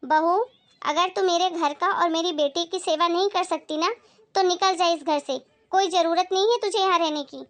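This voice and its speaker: A bossy middle-aged mother-in-law, as a woman acts her out, doting on her own daughter and scolding the bride. The voice sits high and bright, and every line is firm. It plays out as a home moral-story drama. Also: steady tone, moderate pace.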